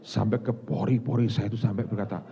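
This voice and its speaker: A male pastor with a Javanese accent from Semarang, preaching a sermon in a lively storytelling manner, jumping from loud exclamations to hushed lines. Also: lowish voice, quick pace, creaky, noisy background. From Semarang, Indonesia. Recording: dull sound in a reverberant hall.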